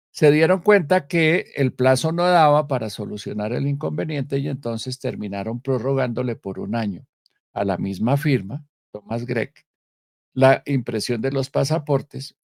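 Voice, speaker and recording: A man from Colombia hosting a live political commentary show, speaking emphatically with many pauses and self-corrections. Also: mid-range voice, creaky, darkish tone, no echo, clean studio sound. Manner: emphatic, stresses key words, frequent pauses and self-corrections.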